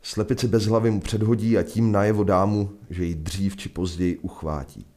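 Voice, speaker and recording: A man voicing a grave old townsman who speaks in a hushed voice about an evil spirit. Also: lowish voice, level tone, natural voice. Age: older.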